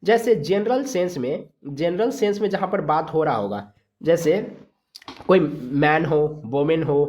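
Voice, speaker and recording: A teacher from India giving a grammar lesson, explaining rules step by step, sounding letters out slowly and checking in often with the class. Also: medium pitch, animated, a little mellow, dull audio. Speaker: exam-prep English grammar teacher.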